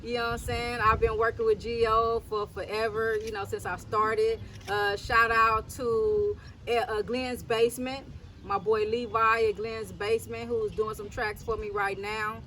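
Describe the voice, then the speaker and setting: A rapper from South Central Los Angeles chats casually in an interview, relaxed and unhurried, repeating words and using lots of easy fillers. Her voice is fairly high, with slight background noise.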